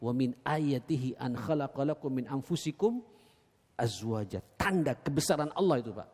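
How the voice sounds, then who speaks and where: A man with an East Javanese accent preaching a sermon in a mosque. He talks earnestly and keeps addressing the congregation directly, swinging between loud emphatic exhortation and low quiet asides. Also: lively intonation, normal speed, husky. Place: large mosque hall. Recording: echoey mosque hall.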